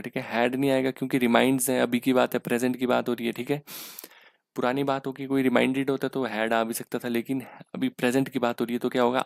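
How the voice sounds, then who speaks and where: A man teaches exam-prep English grammar, walking through each answer step by step. His voice has a gravelly edge, and he keeps asking his students whether they follow. The sound is close and dry, with no room around it. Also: mid-range voice, no room sound.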